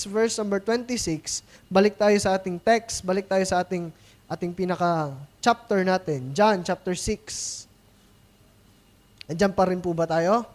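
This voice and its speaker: High-voiced Filipino pastor preaching. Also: male voice. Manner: reads scripture aloud in English, then explains it in Tagalog; conversational preaching with tag questions and quick asides. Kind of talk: sermon.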